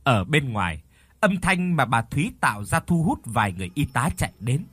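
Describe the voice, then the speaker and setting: A man's voice: medium pitch, very animated, brisk, fairly bright tone, husky, no room sound. A man narrating a horror audiobook expressively, voicing the characters as he reads. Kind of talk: dramatic horror story narration.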